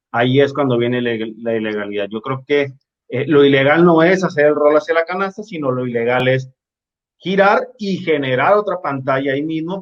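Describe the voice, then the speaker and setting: A man, a basketball referee, explaining game rules on a video call, with fillers and restarts. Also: mid-range voice. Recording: dull lo-fi call audio.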